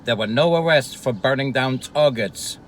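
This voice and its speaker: A man's voice: medium pitch, moderate pace, fairly bright tone, slight background noise, rough recording. A man rambling casually and profanely to camera while eating, with lots of hesitant fillers. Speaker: vlogger. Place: street near a Brooklyn diner.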